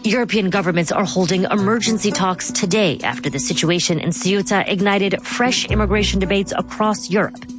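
A woman hosting a news podcast, speaking in a measured, conversational way. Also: mid-range voice, over music. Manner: measured, conversational delivery with some fillers. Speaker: podcast host. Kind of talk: radio news presenting.

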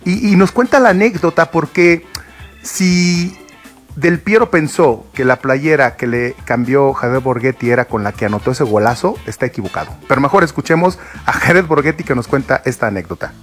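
A man's voice: medium pitch, normal speed, faint music behind. A man with a Mexican accent hosting a sports talk show, introducing clips and agreeing with co-hosts.

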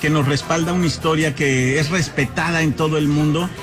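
A man's voice: fairly high pitch, steady tone, brisk, over music. A man with a Mexican accent hosting a live radio interview, enthusiastic and effusive. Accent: Mexican Spanish. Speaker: radio host.

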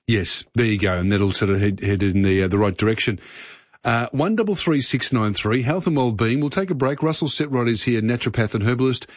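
A man's voice: mid-range voice, a little fast, no room sound, highs cut off. An Australian man hosting a talkback radio programme in a conversational way. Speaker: radio host.

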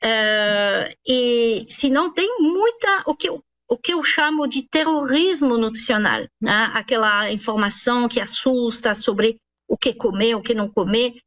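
A woman from France, a nutritionist, answering interview questions in a measured, explanatory way with frequent fillers. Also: fairly high pitch, a bit bright, lo-fi sound. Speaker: nutritionist guest.

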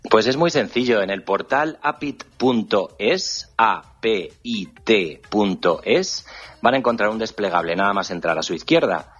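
Deep, husky man from Toledo. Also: lively intonation, measured pace, a bit bright, muffled recording, soft background music. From Spain (Toledo). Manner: enthusiastic, storytelling, explanatory. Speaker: guest, guided-tour historian. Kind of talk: radio interview.

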